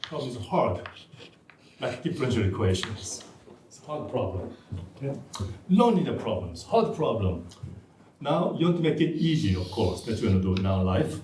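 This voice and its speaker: A man's voice: medium pitch, sing-song, normal speed, long pauses, mellow, slight background noise. A man, a native Korean speaker, giving an informal academic seminar talk, chatty and repeating words as he writes on the board. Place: seminar room. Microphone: distant room mic. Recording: echoey room, far mic.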